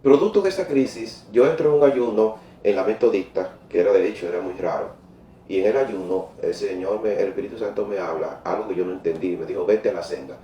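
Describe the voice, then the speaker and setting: A middle-aged man telling a faith testimony in a church interview, animated and often laughing, repeating words when he gets excited. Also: low voice, fast talker, reverberant, recorded from a distance, slight background noise. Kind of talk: emotional personal testimony.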